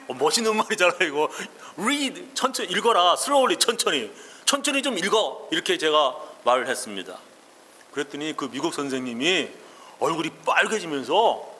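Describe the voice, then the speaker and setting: A man's voice: high voice, pushed and bright. A male pastor giving a sermon, explaining English phrases and telling personal anecdotes. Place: church sanctuary. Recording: long reverb of a church hall.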